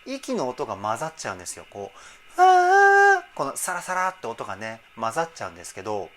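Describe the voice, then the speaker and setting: A male vocal coach talking enthusiastically as he breaks down a song, pausing to try out the parts himself. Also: fairly low pitch, big pitch swings, sharp tone. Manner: enthusiastic, explains while trying out sung examples. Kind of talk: reaction and vocal analysis talk.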